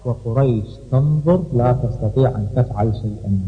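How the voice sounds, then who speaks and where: Fast dramatic male preacher in a hall. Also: medium pitch, narrow, tinny audio. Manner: dramatic, acts out quoted speech. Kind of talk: sermon storytelling. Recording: long hall reverb.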